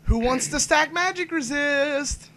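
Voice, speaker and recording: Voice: high voice, unhurried, pushed and bright. A co-host chatting casually and jokingly about a video game with friends. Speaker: podcast co-host. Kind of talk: casual gaming commentary chat.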